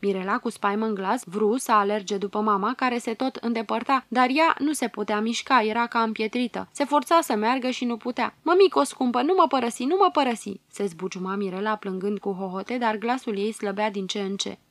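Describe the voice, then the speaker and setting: A woman reading a fairy tale aloud as an audiobook, in calm, measured storytelling. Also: medium pitch, dry recording. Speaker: audiobook reader. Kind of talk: scripted narration of a children's tale.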